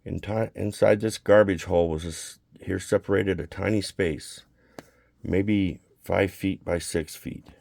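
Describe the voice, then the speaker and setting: Man reading a comic aloud, low gravelly voice, old-guy broken english. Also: fairly even intonation, darkish tone, no echo. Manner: measured storytelling in an old man's broken English. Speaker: reader. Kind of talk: reading a graphic novel aloud.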